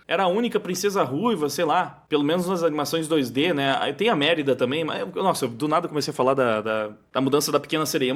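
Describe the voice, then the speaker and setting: A man with a Brazilian Portuguese accent hosting a react video in casual, digressive commentary. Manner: chatty, digressive, lively pitch swings.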